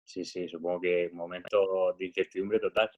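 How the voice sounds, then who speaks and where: Deep-voiced interviewer, lo-fi sound. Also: male voice, little pitch movement, normal speed. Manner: conversational, stammering restarts. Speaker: interviewer, podcast host. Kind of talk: interview questions.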